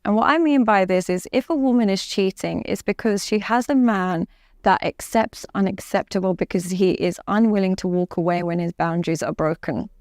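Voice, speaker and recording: Assertive woman coach with a smooth voice. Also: mid-range voice, normal speed, darkish tone, no room sound, clean studio sound. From Dubai. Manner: assertive, explanatory, repeats key words. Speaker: relationship coach. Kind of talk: podcast interview.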